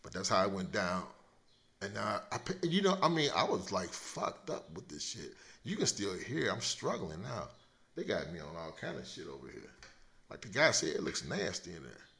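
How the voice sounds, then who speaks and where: A man's voice: sing-song, normal speed, vocal fry. Profane, rambling man with a sore throat. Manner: profane, rambling, swings between loud bursts and low mutters. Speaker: podcast host. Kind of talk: casual solo rant.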